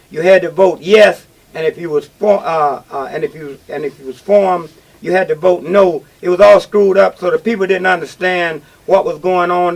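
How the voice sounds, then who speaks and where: A man hosting a talk radio call-in show, speaking in a halting, repetitive and emphatic way. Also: high voice, creaky, low-quality recording.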